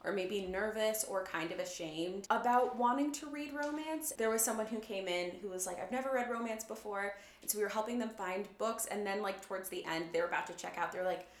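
A woman's voice: medium pitch, a little fast, few pauses, reverberant. A young woman co-hosting a podcast in casual chat, laughing, candid and profane. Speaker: podcast co-host; bookstore worker.

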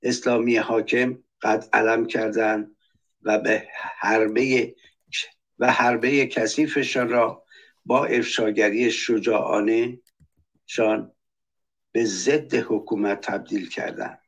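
A man's voice: lowish voice, level tone, pauses often, a bit bright. A man speaking on a political talk show, reading testimonies aloud and denouncing with anger. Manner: impassioned, reads testimonies aloud; angry, denouncing. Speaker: panelist.

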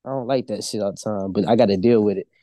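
Male music artist as podcast guest: mellow, dry close sound, slangy casual storytelling, swears constantly. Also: fairly low pitch, quick pace, dry recording. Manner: says "bro" constantly.

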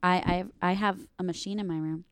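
A woman's voice: on the low side, fairly even intonation, fairly quick, fairly bright tone, clean tone, no echo. A woman in casual chat who laughs easily and pushes back on her friend's details.

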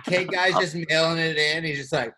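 A fairly high-voiced man co-hosting a casual podcast. He is playful and loose, full of fillers and the odd swear word, and hams it up when he reads out gossip. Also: normal speed, a little hiss or hum. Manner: playful, animated reading of gossip. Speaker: podcast co-host. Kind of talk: casual chat.

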